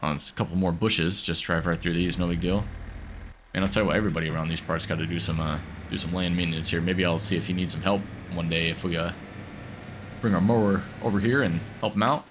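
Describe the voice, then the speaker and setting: Over background noise, a man with a deep, steady voice talks at a quick pace. He's a gaming video host recovering from a cold, giving casual, rambling commentary full of fillers as he plays a farming game.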